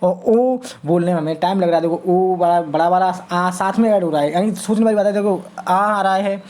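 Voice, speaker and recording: A woman teacher runs an exam-prep grammar lesson, repeating each point as a question and answering it herself. Her voice sits a little low with a warm, mellow tone. She draws vowel sounds out slowly to show how long they last. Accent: north Indian Hindi.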